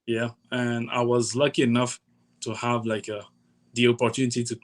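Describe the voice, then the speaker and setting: Young adult male, Togolese accent, medium pitch, informal interview guest with halting, repetitive delivery. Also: little pitch movement. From Togo, West Africa. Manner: halting, repeats phrases, acts out dialogue. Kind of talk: casual personal storytelling.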